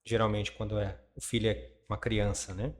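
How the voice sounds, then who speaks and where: A man, a pastor hosting a podcast, talking in a casual, relaxed way and explaining things gently. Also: on the low side, fairly quick. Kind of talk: casual interview chat.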